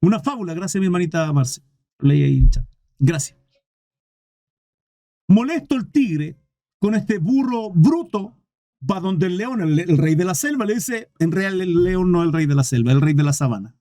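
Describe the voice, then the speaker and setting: A man's voice: sits high, big pitch swings, normal speed, dark tone, no echo, studio quality. A man preaching a sermon as pastor, emphatic and repetitive, speaking straight to his congregation.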